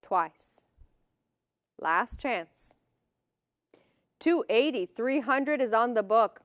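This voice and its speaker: A woman's voice: fairly high pitch, fairly bright tone, dry recording, clean studio sound. A woman working as an auctioneer, calling lots and bids in a formal, clipped, repetitive manner.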